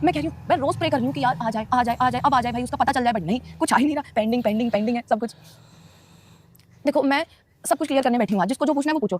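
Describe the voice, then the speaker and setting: A young woman on a casual live stream answering viewers' questions, emotional and defensive, talking straight to her audience. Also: fairly high pitch. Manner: emotional, rapid, defensive, addresses viewers directly.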